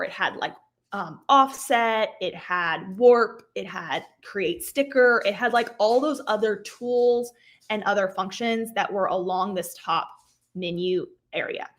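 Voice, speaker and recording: A woman host talking viewers through a craft software update on a live stream. Her voice is wearing thin and a little hoarse, with throat clearing between points. She chats loosely, full of "like" and "um", and explains things step by step in a middle-pitched voice. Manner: chatty, filler-heavy, explains step by step. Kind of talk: casual live software tutorial.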